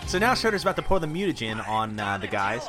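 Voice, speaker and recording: A man's voice: mid-range voice, sing-song, fast, over music. A man hosting a podcast, giving casual, chatty, amused running commentary on a cartoon. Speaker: podcast host.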